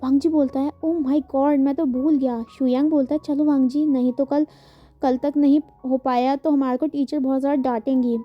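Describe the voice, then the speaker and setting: A woman with a high voice reads a fan story aloud, giving every character's lines in her own plain voice and slipping English words into her sentences. The recording is dull and lo-fi, with faint music under her voice. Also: fairly even intonation, moderate pace. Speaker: fan fiction narrator.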